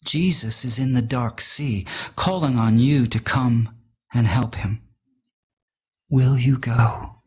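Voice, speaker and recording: A man preaching in a solemn, measured way, recounting a vision as a sermon over music. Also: medium pitch, darkish tone, husky. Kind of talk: sermon reading of a vision story.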